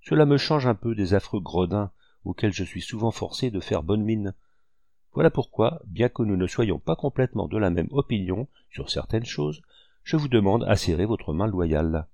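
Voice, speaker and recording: A man's voice: fairly low pitch, expressive, moderate pace, mellow, no echo, lo-fi sound. A man reading a novel aloud and voicing a blunt, good-natured hunter who speaks jovially. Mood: bluff. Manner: bluff, jovial. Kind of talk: audiobook reading.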